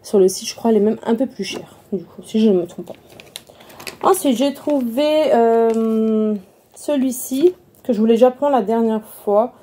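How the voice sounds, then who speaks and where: Chatty woman with a very warm voice. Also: a little high, a little slow. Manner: chatty, repeats words, many fillers. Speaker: beauty vlogger. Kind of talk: casual haul video. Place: room at home.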